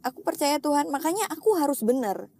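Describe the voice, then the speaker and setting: A middle-aged woman sharing a personal testimony in a casual chat, storytelling in an animated way and slipping into English phrases. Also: high-pitched, fast talker. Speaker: guest, lay preacher.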